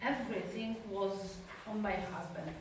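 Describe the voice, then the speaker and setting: A medium-pitched European woman, a psychotherapist, talks slowly and haltingly to an audience, searching for words in a second language as she shares her personal story. Recorded from a distance in an institute talk room, the audio is echoey with slight background noise.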